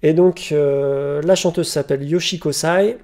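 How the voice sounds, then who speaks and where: A man's voice: fairly high pitch, fairly even intonation, a little slow, a little mellow. A man presenting his record finds in a casual vlog, hesitant and full of fillers and restarts, recorded on a webcam at home. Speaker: vinyl collector presenting records.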